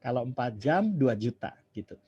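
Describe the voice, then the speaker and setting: Male preacher in his fifties, mellow and husky, chatty sermon storytelling. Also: medium pitch, normal speed. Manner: chatty, animated, acts out dialogue, drops English phrases. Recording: dull lo-fi sermon recording.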